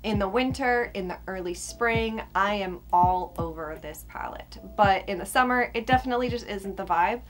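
A woman's voice: medium pitch, normal speed, few pauses. Young woman with a whistling s, casual chat. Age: young adult. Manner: emphatic, casually sweary. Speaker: beauty vlogger. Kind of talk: casual chat to camera, product ranking. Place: small furnished room indoors.

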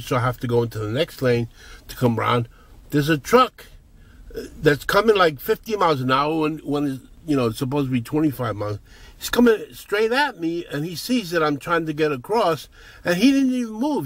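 A man's voice: fairly high pitch, a bit bright, slightly rough. An older man giving a blunt, profane vlog rant while running errands. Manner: blunt, profane, ranting, heated bursts. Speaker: vlogger.

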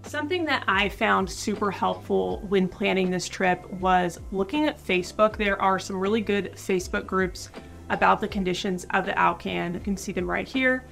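A young woman vlogger speaks casually and chattily to a camera on a tripod. Her advice is relaxed and informal, with plenty of fillers, recorded in a small indoor room with wooden walls. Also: medium pitch, normal speed, creaky, soft background music.

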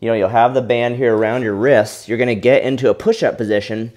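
A man's voice: medium pitch, fast. Man coaching shoulder exercises. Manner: relaxed coaching, talks while demonstrating. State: out of breath during exercise. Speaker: physical therapy instructor. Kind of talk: instructional exercise demonstration.

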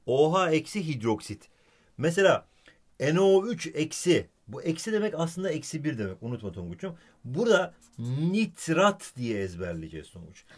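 A man's voice: on the high side, normal speed. A man teaching chemistry in a playful way, teasing his student and heaping on praise. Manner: animated, teasing, keeps repeating praise and the student's name. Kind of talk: playful comedic lesson.

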